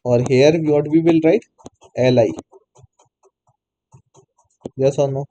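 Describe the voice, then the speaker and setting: A man's voice: mid-range voice, steady tone, slow, dark tone, low-quality recording. A man teaching a live online coding class, repeatedly asking students to answer. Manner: prompts students repeatedly, non-native English phrasing. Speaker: programming teacher.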